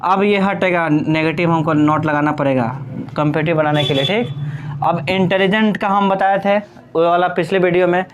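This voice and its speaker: A man teaches an English grammar lesson in Hindi, with a voice that sits somewhat high for a man. He is patient and repeats each point, asking the class again and again whether they follow. He dictates examples slowly, word by word. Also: fairly even intonation, background noise. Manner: addresses students fondly as "Babu".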